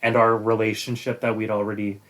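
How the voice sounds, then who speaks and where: A man's voice: lowish voice, little pitch movement, brisk, fairly bright tone. A man, a stage actor, talking casually in an interview, hesitantly searching for his words.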